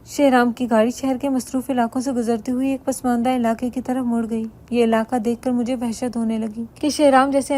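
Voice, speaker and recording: A woman narrating a dramatic first-person story in an even, measured reading. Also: fairly high pitch.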